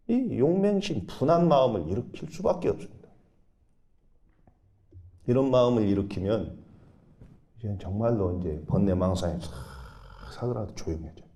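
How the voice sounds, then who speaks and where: A man who is a Buddhist monk, preaching a dharma talk and guiding meditation, emphatic, with sudden rises and soft, drawn-out instructions. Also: on the low side. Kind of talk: sermon with guided meditation. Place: temple dharma hall.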